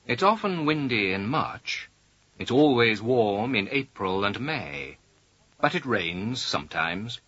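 A man speaking slowly and carefully in a scripted language-course dialogue. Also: mid-range voice, big pitch swings, a bit bright, no echo. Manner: slow, careful, clearly spaced delivery. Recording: dull lo-fi audio.

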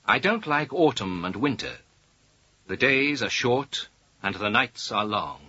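A man speaking slowly and carefully in a scripted language-course dialogue. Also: mid-range voice, expressive, pushed and bright, no echo. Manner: slow, careful, clearly spaced delivery. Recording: dull lo-fi audio.

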